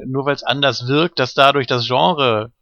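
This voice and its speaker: A gravelly, bright-toned man hosting a casual podcast chat, chatty and quick to laugh. His voice is dry and close, with a dull, slightly muffled sound. He teases his co-host now and then. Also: medium pitch, no echo. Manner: chatty, laughs often, teasing.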